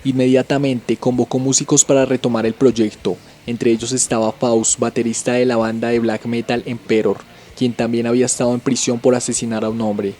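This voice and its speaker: A man giving a scripted documentary narration as a channel host, in an even, measured storytelling delivery. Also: mid-range voice, a little hiss or hum.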